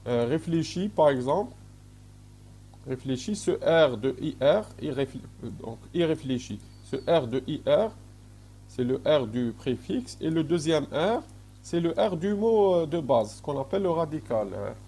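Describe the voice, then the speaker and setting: His voice sits on the high side, mellow and with lively intonation, as this man with an Algerian French accent delivers a recorded university lecture. He proceeds slowly, with many hesitations, and regularly asks his students "d'accord?"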